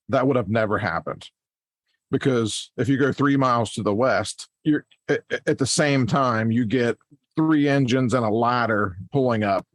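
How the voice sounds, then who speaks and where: A man explaining things in a casual discussion, haltingly, thinking aloud as he goes. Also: mid-range voice, no echo. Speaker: fire service podcast panelist.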